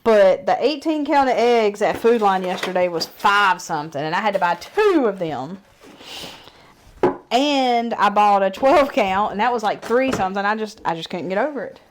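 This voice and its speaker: Cooking in her own kitchen, this Southern country-accented co-host keeps the chat casual and laughs readily. She talks at a normal speed with lively intonation in a medium-pitched voice, and the background is noisy.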